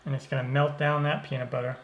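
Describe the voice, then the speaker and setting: A man hosting a cooking show, explaining each step of a recipe in a relaxed, easygoing way. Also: mid-range voice, fast talker, gravelly, highs cut off. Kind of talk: cooking demonstration. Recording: roomy echo.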